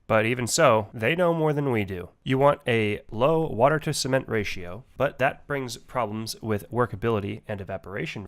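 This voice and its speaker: A man narrating a do-it-yourself how-to as a voice-over, lecturing with wry, deadpan jokes. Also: fairly low pitch, no echo. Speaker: DIY homeowner. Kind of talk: explanatory voice-over.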